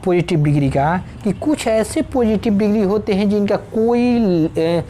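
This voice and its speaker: A woman teaching an English grammar lesson, explaining slowly, spelling out letters and pausing with fillers. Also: medium pitch, lively intonation, dark tone, a little hiss or hum.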